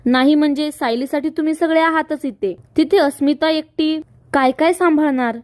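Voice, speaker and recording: A woman's voice: high voice, normal speed, a little mellow, dry recording, studio quality, close to an everyday voice. A woman voicing a scheming young woman who coaxes her family and plots in secret. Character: scheming young woman, sweet outside, spiteful inside.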